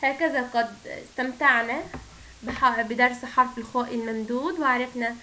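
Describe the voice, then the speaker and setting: A woman with an Egyptian Arabic accent gives a recorded lesson to young children. Her voice is high and bright. She draws syllables out slowly for them to repeat and praises them warmly and often. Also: slight background noise, rough recording. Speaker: first-grade Arabic teacher.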